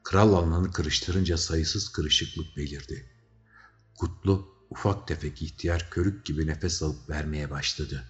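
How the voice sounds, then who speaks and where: A very deep-voiced man reads a story aloud in a dramatic audiobook style. The recording sounds a little dull, with faint music underneath. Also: steady tone, slow pace. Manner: dramatic storytelling, shouting characters' cries. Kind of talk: scripted audiobook narration.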